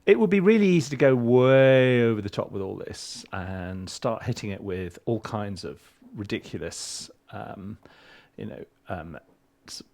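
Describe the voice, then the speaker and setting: A middle-aged man's gravelly, darkish voice sits on the low side, expressive and a little slow. As a composer teaching film scoring, he gives a casual, rambling screen-share walkthrough of his session with many ums and restarts while its music plays faintly.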